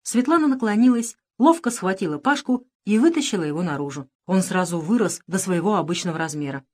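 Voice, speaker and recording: A woman narrating a children's story in a lively, expressive way. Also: medium pitch, a little fast. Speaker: audiobook reader.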